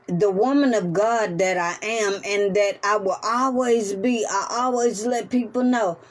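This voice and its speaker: A woman talks to camera from her room between bites of a meal, in an unhurried, drawn-out way. She gives preachy life advice with religious asides, her voice sitting at an ordinary mid pitch. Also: a little mellow. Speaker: mukbang vlogger. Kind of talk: casual talk to camera while eating.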